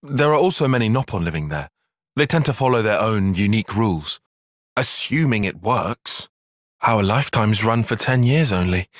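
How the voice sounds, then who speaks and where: An earnest young male soldier, a tactician, speaks in a lowish, slightly husky voice for a video game cutscene. He is analytical and formal, phrasing things precisely and measuredly, and the clean studio recording has no room sound.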